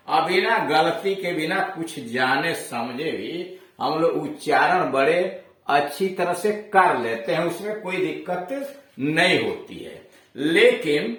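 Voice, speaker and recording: Hindi-accented guy teaching a class, slow and drilling words, voice bouncing round a big echoey room far from the mic. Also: a little high, a bit bright. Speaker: English teacher. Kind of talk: classroom grammar lesson.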